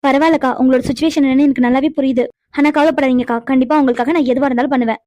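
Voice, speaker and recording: A woman's voice: high-pitched, racing, no echo, lightly acted. A woman voicing a caring young woman in a cartoon who reassures and questions the older sister figure. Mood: reassuring. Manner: reassuring, curious, lively. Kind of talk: animated cartoon dialogue.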